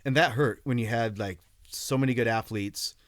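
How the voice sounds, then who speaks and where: A man's voice: medium pitch, normal speed, dry recording. A man in his late forties from Iowa, a podcast guest talking in an easygoing, friendly way. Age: 40s. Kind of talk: casual podcast interview.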